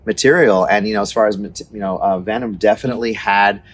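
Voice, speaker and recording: A man's voice: on the low side, fairly even intonation, quick pace. A middle-aged man hosting a casual music chat, rambling and enthusiastic with lots of fillers, on a street at night. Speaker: show host.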